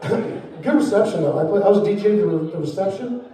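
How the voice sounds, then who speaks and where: Hesitant amateur comic, high-pitched man, very echoey. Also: expressive, a little fast, warm tone. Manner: hesitant, unrehearsed, loses his thread. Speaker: amateur open-mic comedian. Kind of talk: rambling stand-up storytelling. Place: echoey indoor open-mic venue. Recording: very echoey room, distant microphone, muffled.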